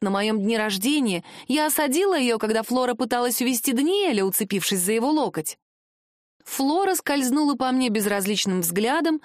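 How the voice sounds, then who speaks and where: A woman's voice: on the high side, dry recording. Woman reading a novel, dry close mic. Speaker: audiobook narrator. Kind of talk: scripted first-person narration.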